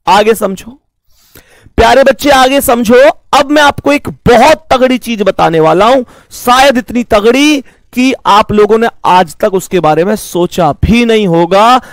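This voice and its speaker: A man teaching a math lesson, explaining slowly, repeating points and calling his students fondly. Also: high-pitched, dry recording.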